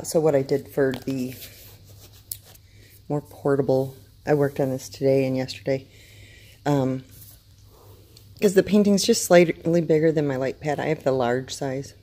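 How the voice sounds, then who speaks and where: A woman's voice: very deep voice, warm tone, a little hiss or hum. A woman vlogging casually at home, rambling and restarting her sentences while chewing food and showing her craft work. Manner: rambling, self-interrupting, chatty. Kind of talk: casual chat to camera. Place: home, downstairs room.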